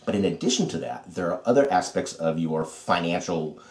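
Deep-voiced man giving folksy money advice. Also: animated, fairly quick, a little mellow, roomy sound. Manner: folksy, advice-giving, repeats himself with restarts. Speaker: podcast co-host. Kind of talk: casual chat.

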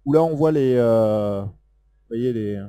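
A man with a Southern French accent giving a casual live software demo, talking loosely with many fillers as he points things out on screen. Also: mid-range voice, takes it slowly, clean tone, dry recording. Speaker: software presenter. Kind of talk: live technical demo talk.

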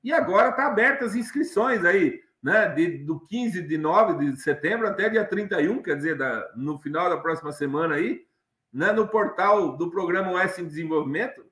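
A middle-aged guest lecturer, high-voiced and fairly bright, talks at a moderate pace with lively intonation. He rambles through his online lecture with many fillers and false starts from a home study with bookshelves, heard over a webcam on a video call in an echoey room.

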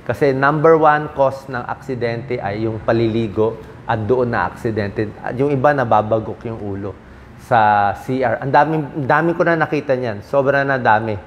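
A man's voice: medium pitch, moderate pace, a little hiss or hum. A middle-aged man from the Philippines, a doctor giving health advice in a casual, conversational talk. He slips English medical terms into his speech and keeps checking in with short tag questions.

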